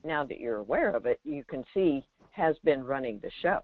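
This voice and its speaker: Her pitch is extremely low and swings hugely as this meditation teacher guides callers spiritually over a remote call, pressing her points and often asking rhetorical check-in questions. Her pace is normal, the recording is dry, and the call quality is dull and lo-fi.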